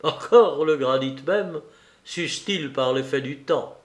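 A man reading a storybook part as an anxious notary who coaxes and pleads gently, in an echoey room. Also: fairly high pitch, unhurried, close to an everyday voice. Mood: coaxing. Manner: coaxing, gently insistent.

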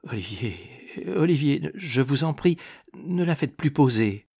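A man voicing an agitated aristocratic countess, a middle-aged woman who speaks in a pleading, hurried, breathless way. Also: medium pitch, lightly acted.

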